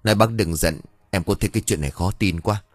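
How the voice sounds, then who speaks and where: A man voicing Hào, a cheeky young male villager who flatters and whines. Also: fairly low pitch, fast, dry recording, lightly acted. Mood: teasing. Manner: wheedling, whiny when scared.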